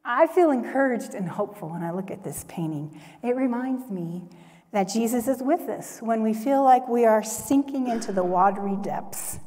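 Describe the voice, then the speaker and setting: A woman's voice: a little high, moderate pace. Earnest woman preaching in a reverberant church. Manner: earnest, expressive, rising for emphasis. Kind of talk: sermon. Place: church sanctuary. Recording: long hall reverb.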